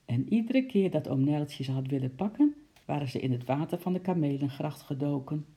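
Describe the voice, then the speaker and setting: Low-voiced woman reading a children's story. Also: lively intonation, fairly quick, mellow. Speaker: narrator.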